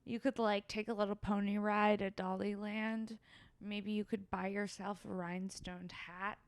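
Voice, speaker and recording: A woman with a Valley girl accent talks in a mid-pitched voice with pronounced vocal fry. She hosts a casual comedy podcast, teasing and slangy, sprinkling "like" through her sentences. The sound is dry, with very little room in it. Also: level tone, a little slow, no room sound. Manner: slangy, teasing, heavy use of "like". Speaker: podcast host.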